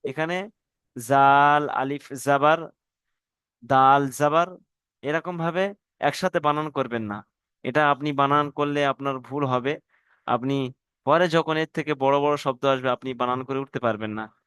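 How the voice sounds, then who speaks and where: A man teaching Quran reading in an online class, addressing students politely and spelling out letters slowly, syllable by syllable. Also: mid-range voice, a bit bright, smooth, dry recording.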